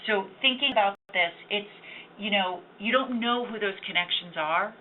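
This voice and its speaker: A woman's voice: medium pitch, moderate pace. Woman presenting a networking workshop. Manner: upbeat, conversational, explains with examples. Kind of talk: recorded training talk. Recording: tinny lo-fi recording with faint noise.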